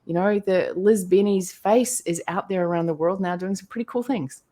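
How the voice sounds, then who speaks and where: A middle-aged woman with a New Zealand accent, telling her life story as a guest in a casual interview, animated and quick to act out quotes. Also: medium pitch. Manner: animated, acts out quotes in voices. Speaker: guest entrepreneur.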